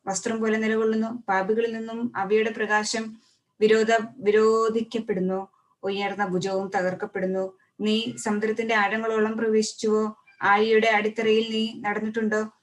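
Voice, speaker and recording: A woman reading scripture aloud at a steady pace, often stopping to restart a word. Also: medium pitch, normal speed, distant mic. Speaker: Bible reader.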